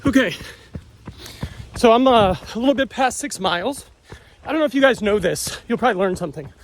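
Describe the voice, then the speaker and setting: A man's voice: high voice, animated, a little fast, slight background noise. A man talking casually to a handheld phone while running outdoors on a trail, vlog style, sounding effortful. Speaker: running vlogger. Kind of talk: casual vlog talk to camera.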